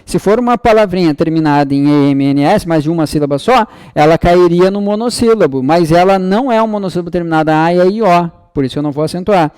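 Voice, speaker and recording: Man teaching with a bright edge. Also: high-pitched, fast, hardly any pauses, clear, resonant tone, no echo, studio quality. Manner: explains step by step, checks in with frequent tag questions; acts out student questions and answers them. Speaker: exam-prep Portuguese teacher. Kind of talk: online lesson.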